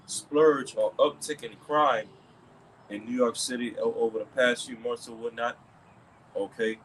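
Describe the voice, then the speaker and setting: A man talking through a religious commentary in a middle-pitched voice. He rambles, circling back with "okay" and "all right" between thoughts. A faint hiss sits under the recording. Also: fairly bright tone, poor audio.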